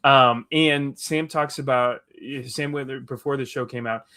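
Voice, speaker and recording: A man's voice: medium pitch, steady tone, a little slow, bright, forceful tone. A man co-hosting a podcast, chatting casually through a recap, rambling with restarts and acting out quotes. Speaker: podcast co-host.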